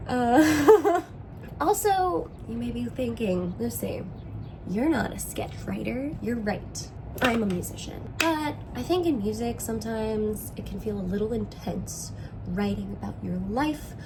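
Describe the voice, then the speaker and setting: A young woman with vocal fry and a sore throat talks in a casual, slangy vlog style, often dropping in "like". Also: on the high side, noisy background. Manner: informal, slangy, frequent "like". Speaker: vlogger, musician and sketch writing student.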